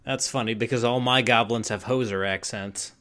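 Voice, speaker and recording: A man's voice: medium pitch, fairly even intonation, moderate pace, fairly bright tone. Casual male podcast host, dry humor. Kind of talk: casual interview.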